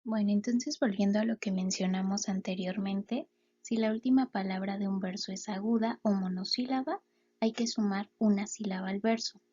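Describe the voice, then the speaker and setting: A woman teaching a lesson, explaining step by step and sounding out words slowly, syllable by syllable. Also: medium pitch, fairly even intonation, dark tone, muffled recording. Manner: slow, clear syllable-by-syllable explanations.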